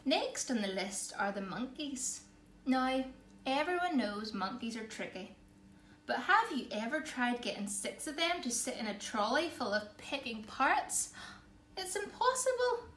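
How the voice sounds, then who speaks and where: Reading a picture book aloud for children, a woman storyteller speaks unhurriedly, theatrically and emphatically, her high-pitched voice very animated and a bit bright. The small indoor living room sounds echoey, with faint background noise, picked up by a camera or phone a short distance away.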